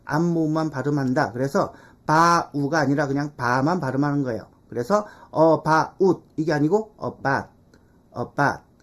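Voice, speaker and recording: In an online lesson, a low-voiced woman teaches English pronunciation step by step. She checks in with rhetorical questions and slowly repeats drill phrases.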